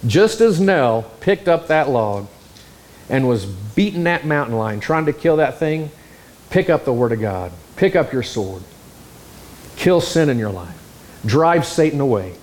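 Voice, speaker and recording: A man preaching a sermon, telling a story in an animated, exclamatory way. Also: mid-range voice, a little slow. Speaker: pastor.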